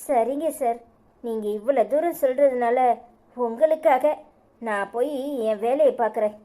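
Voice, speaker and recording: A woman's voice: on the high side, a little slow, dark tone, close to an everyday voice. A woman voicing a sulky, self-pitying young office worker in a cartoon, with a Tirunelveli Tamil accent and a plaintive way of talking.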